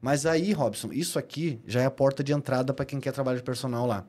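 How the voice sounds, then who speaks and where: A middle-aged Brazilian personal trainer, appearing as a podcast guest, tells stories emphatically and keeps repeating key phrases. His mid-range voice is a little mellow and moves at a quick pace.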